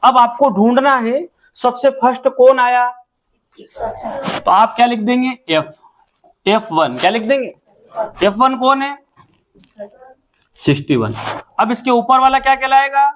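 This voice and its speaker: A man with a high voice takes a class through a maths problem step by step. He keeps asking his pupils questions and then answers each one himself. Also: animated, unhurried, long pauses, a bit bright. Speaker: maths teacher.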